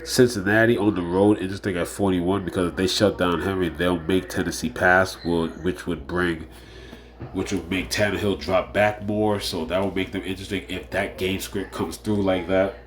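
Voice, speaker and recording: A man hosts a casual solo fantasy sports preview show in a low voice with a steady tone and moderate pace. Sounding nasal and a little under the weather, he rambles, using lots of fillers and repeating phrases.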